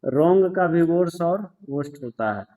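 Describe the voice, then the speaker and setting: A man teaching English grammar in a patient lesson, repeating words, spelling them out and telling students to pause and take notes. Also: fairly high pitch, animated, warm tone, poor audio. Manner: tells students to pause the video and write notes. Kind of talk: slow explanatory grammar lesson.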